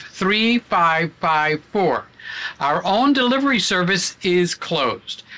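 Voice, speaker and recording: A man's voice: high voice, sharp tone, full character voice. A man reading a business answering machine greeting aloud, cheerful and overly careful with his articulation.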